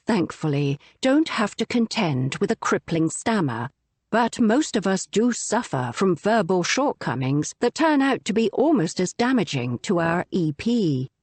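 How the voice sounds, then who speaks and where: A woman narrates a nonfiction book in a measured, articulate way. Her pitch moves lively up and down through each sentence, and she sits on a close mic in a dry, dead room with no echo. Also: husky. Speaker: audiobook narrator.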